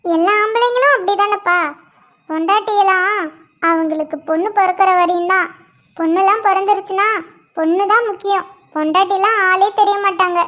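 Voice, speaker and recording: A woman voicing Nila, a gentle, forgiving young wife and new mother in a cartoon, speaking softly and cheerfully. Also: very high voice, fairly quick. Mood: teasing. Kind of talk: cartoon voice acting.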